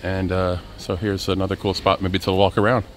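A man with a low, deep voice narrates a casual walking tour out in the streets. He talks in a relaxed, chatty way and keeps calling his viewers "guys". Faint traffic hums in the background. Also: brisk. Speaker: travel vlogger. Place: outdoors on city streets. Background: faint street and traffic noise.

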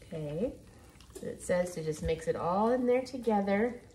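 An unhurried woman with a mid-range voice hosts a home cooking video, giving casual cook-along instructions while she works at her counter. Her manner is chatty and relaxed. A little hiss or hum sits under the audio along with the clatter of dishes and pans, and the counter is framed by an overhead camera.

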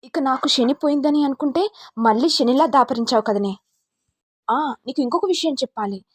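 A contemptuous young husband berates his wife, voiced by a woman retelling the story. The tone is husky and fairly high, in a close, dry recording. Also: moderate pace, no echo. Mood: scornful. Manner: scolding, contemptuous. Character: angry scornful young husband.

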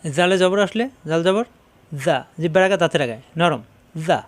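Man, Bangladeshi Bengali accent, Quran teacher, patient repetitive drilling, slightly high pitch. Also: brisk. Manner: drills letter sounds with repetition. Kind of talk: slow instructional lesson.

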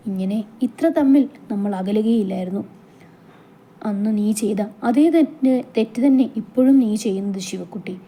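A woman's voice: medium pitch, warm tone, husky. A woman voicing a young man in love who teases and speaks earnestly.

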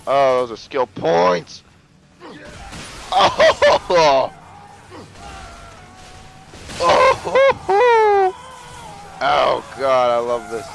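Excitable man commenting on a game. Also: a little high, extremely slow, vocal fry, long pauses, soft background music, poor audio. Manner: excitable, exclaims and laughs, jokey swearing. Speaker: gamer narrating a let's play. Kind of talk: casual gameplay commentary.

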